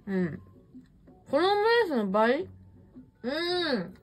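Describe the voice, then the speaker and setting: A woman's voice: high-pitched, very animated, slow pace, faint music behind. A young woman chatting casually on a livestream while eating, rambling and answering viewer comments, recorded on a smartphone at home. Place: messy room at home.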